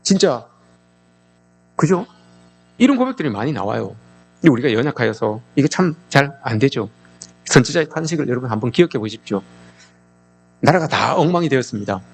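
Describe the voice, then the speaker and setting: A man's voice: mid-range voice, sing-song, fairly quick, creaky, pauses often. A middle-aged man preaching a sermon as pastor, impassioned, often calling out to the congregation and voicing a prophet's lament with emotion. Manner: voices the prophet's lament in emotional rising tones.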